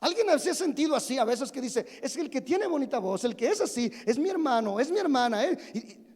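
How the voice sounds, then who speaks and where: Sing-song and brisk, this pastor in his forties preaches in a very high, slightly mellow voice. He tells amusing stories about himself and asks the congregation questions, with the church hall's long reverb behind him.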